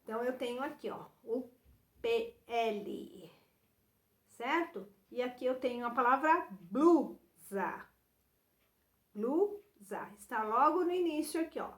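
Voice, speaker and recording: A woman teacher with a Brazilian accent guiding children through a workbook exercise, spelling out syllables and letters patiently and filling pauses with little check-ins. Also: high voice, a bit bright, echoey room. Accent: Brazilian Portuguese. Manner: addresses children directly, many fillers like "né" and "então". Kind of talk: remote lesson walking through a workbook.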